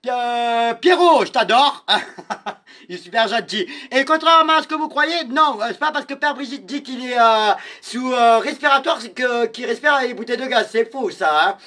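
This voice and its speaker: A man hosting a live-stream clothing sale, theatrically teasing and mock-insulting his viewers by name, swinging between muttering and shouting. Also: very high voice, moderate pace. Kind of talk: live-selling stream chat.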